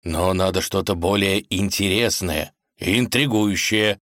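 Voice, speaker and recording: A man's voice: low voice, a little slow, a bit bright, no room sound, clean studio sound. A man voicing a cunning, self-important male wolf who speaks slyly and commandingly in a fairy tale. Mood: scheming. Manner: sly, commanding, self-assured.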